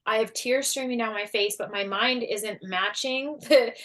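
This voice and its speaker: A woman telling a personal story as a guest in a casual interview, animated and full of fillers, acting out what people said. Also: a little high, unhurried. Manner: animated, acts out quoted voices, many fillers. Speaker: guest, energy healer and coach.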